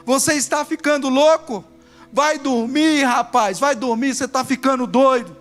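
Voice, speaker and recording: A man's voice: extremely high pitch, moderate pace, faint music behind. A man playing a grumpy, stressed father. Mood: irritated harsh. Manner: gruff, shouting at child.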